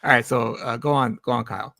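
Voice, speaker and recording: A man's voice: medium pitch, fairly even intonation, fast talker, vocal fry, bright, forceful tone, dry recording, clean studio sound. A man hosting a livestream interview, easygoing, reading out viewer questions with short acknowledgments. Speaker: host.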